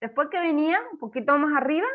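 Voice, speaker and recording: Lady teacher talking to little kids, slow and bouncy pitch, a bit high. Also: lively intonation, phone-quality sound. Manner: slow, encouraging, spells words out for children. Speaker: primary school teacher. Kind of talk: recorded online class for first graders.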